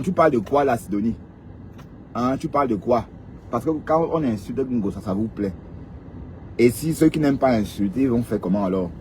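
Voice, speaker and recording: A man's voice: medium pitch, a little mellow, slight background noise. A man, commenting on online drama in a casual way, speaking straight to his viewers and often asking a rhetorical "hein?". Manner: rhetorical, peppers talk with questioning "hein?". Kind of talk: casual live commentary on social media drama.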